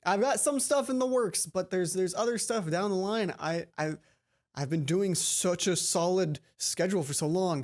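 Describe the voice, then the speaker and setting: Over video game music, a let's play host with a mid-range voice and moderate pace reads game text aloud and comments on it. His delivery is rambling and playful, and he keeps interrupting himself.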